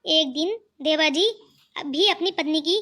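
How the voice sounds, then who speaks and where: A woman's voice: high-pitched, measured pace, bright, forceful tone. A woman voicing a sly, clever young married woman who makes mocking asides.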